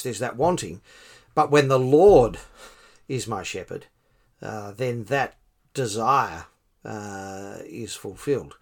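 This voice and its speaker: Male study-group participant, hesitant and searching, mid-pitched, halting delivery. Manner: hesitant, searching, with stumbles and restarts. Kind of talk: reflective group discussion.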